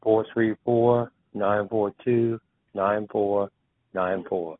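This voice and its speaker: A man's recorded voice in an answering machine message, slowly and carefully reading out digits. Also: lowish voice, steady tone, no echo. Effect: answering machine message over a phone line. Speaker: recorded number readout in voicemail greeting. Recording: tinny dry phone line.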